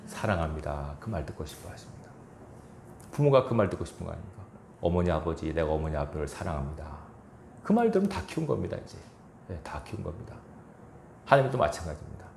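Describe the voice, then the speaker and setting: A man's voice: low-pitched, sing-song, quick pace, vocal fry, darkish tone, reverberant, a little hiss or hum. A man pastor preaching a sermon in a church, chuckling now and then and acting out quoted lines. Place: church sanctuary.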